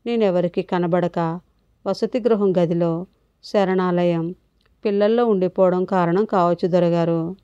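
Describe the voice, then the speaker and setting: A gentle, sorrowful older woman, read by a woman narrator in a soft and tender way. The voice is mellow and warm, and the recording is dry and a little dull. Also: lowish voice, fairly even intonation, a little slow, smooth, no room sound, lightly acted.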